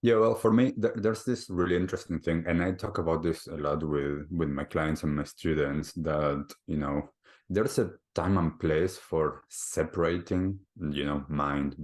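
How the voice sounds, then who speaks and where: A man from Argentina, a wellbeing coach, talking reflectively as a podcast guest, with many "you know, like" fillers. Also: a bass voice. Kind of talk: reflective conversational talk.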